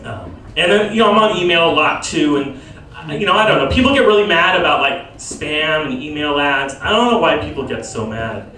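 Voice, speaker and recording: A man in his thirties working a stand-up set, his voice sitting a little high and turning drily deadpan between bits. When he quotes people, he jumps into squeaky high voices. He is caught from a distance in a very echoey lounge. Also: a little fast, slight background noise. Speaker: stand-up comedian. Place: comedy lounge. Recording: very echoey room, from far off. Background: audience laughter.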